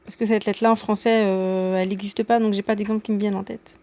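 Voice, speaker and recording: A woman's voice: mid-range voice, little pitch movement, fast, mellow. A woman giving a casual video lesson as a language teacher, chatty and self-deprecating, with frequent hesitations and an encouraging tone. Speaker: Arabic teacher.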